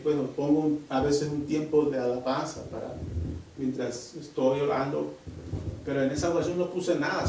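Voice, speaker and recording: A man preaching a sermon at church, emphatic and animated, often dropping into a hushed voice as he tells a personal testimony. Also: medium pitch, a little hiss or hum. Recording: very echoey church hall from far off.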